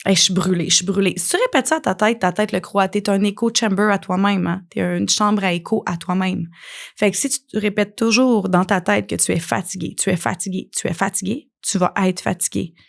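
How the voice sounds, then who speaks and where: A woman's voice: medium pitch, fairly quick, creaky. A woman with a Québécois French accent hosting her own podcast, talking casually and coaching the listener, acting out little scenes as she goes. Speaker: podcast host and life coach. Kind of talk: casual solo podcast talk.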